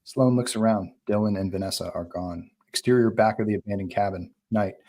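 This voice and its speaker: Reading stage directions for a table read, a man with a deep voice narrates in brief, terse lines that set up every scene. He speaks a little quickly, with a dark tone.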